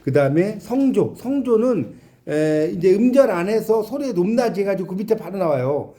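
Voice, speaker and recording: A man's voice: high-pitched, very animated, normal speed, dark tone. A man giving a classroom lecture, explaining with examples and asking his students questions. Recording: echoey classroom.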